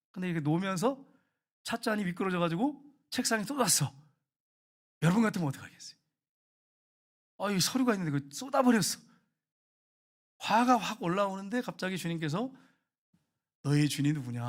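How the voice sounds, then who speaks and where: A middle-aged man preaches in a slightly high voice. He tells everyday stories in a relaxed, colloquial way, acting out the scenes as he goes. He often turns to address his congregation directly. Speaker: pastor. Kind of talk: sermon.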